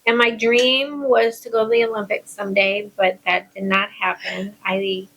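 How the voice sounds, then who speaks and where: A woman's voice: mid-range voice, flat delivery, moderate pace, a bit bright, rough recording. A middle-aged woman, a guest friend of the host, chatting easily and laughing at herself. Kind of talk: casual chat.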